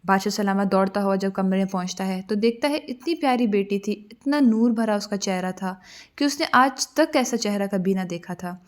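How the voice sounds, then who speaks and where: A woman reads a fairytale aloud as scripted narration. Her voice sits at a middling pitch and her delivery stays steady and plain. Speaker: storyteller.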